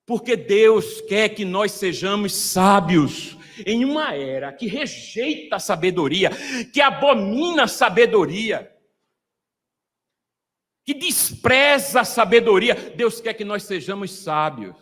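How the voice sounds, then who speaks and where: A man's voice: high-pitched, big pitch swings, slow, fairly bright tone, in a large hall. A man, preaching a fervent sermon as pastor and calling out to the congregation.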